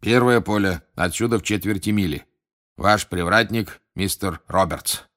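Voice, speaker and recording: A man's voice: low-pitched, normal speed, fairly bright tone. A man voicing a tired, grumpy wizard official who grumbles wearily, in an audiobook reading. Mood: grumbling. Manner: weary, grumbling.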